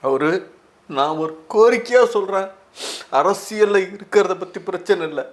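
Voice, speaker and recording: In an emotional interview, a Tamil Nadu–accented man who directs films answers while crying and pleading, his voice cracking. He sounds high and animated and talks at a normal speed.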